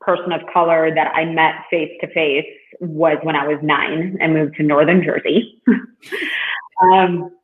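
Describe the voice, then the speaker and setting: A man from Russia, a guest in an interview, talking in an earnest, halting way with many fillers. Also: a little high, little pitch movement. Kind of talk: interview conversation. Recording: echoey, phone-like call line.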